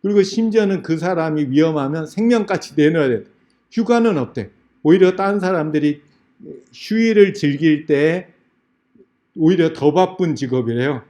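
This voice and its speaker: A man's voice: a little high, expressive, normal speed, dark tone. A man giving a sermon lecture as a lay church elder, telling stories and asking the audience direct questions. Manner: storytelling, acts out dialogues in a raised voice.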